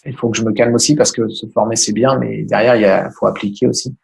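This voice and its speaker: A man's voice: fairly low pitch, steady tone, quick pace, vocal fry, a little mellow. A man being interviewed as a podcast guest, talking casually and thinking aloud as he explains. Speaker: podcast guest, online business owner.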